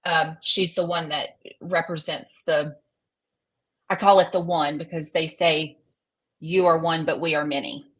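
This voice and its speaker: A middle-aged woman speaks in a fairly low voice. She is an interview guest telling personal stories, folksy and frank, often halting and putting herself down. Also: fairly even intonation. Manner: folksy, candid, halting and self-deprecating. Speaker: interview guest, psychic medium and minister.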